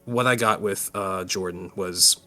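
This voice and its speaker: A man's voice: sits low, measured pace, soft background music. A man co-hosting a podcast, chatting casually and joking with friends, with many fillers. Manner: animated, joking, hesitant fillers. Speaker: podcast co-host. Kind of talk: casual chat.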